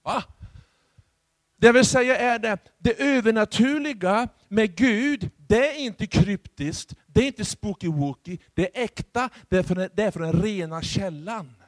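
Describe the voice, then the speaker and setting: A Swedish man preaching a charismatic sermon as pastor, swinging from hushed asides to loud exhortation. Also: sits high, lively intonation, no room sound.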